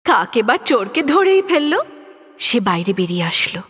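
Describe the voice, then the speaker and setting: A woman narrating a children's animated moral story, expressive and speaking to the young listener. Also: medium pitch, normal speed, slightly rough.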